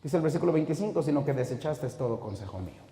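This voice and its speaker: A man's voice: animated, quick pace. Fiery preaching man in an echoey hall. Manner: impassioned preaching, swinging from shouting to low intensity. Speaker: pastor. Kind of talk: sermon. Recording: echoey hall with long reverb.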